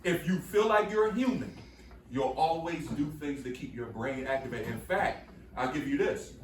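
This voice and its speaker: A man runs an energetic call-and-response lesson, throwing questions back at a class until they answer together. His voice sits fairly high for a man. He is picked up from a distance in a reverberant classroom, with a faint hiss underneath. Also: moderate pace. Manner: energetic, coaxing, repeats questions for the group to answer. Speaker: workshop speaker. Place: school classroom with students. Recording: echoey room from far off.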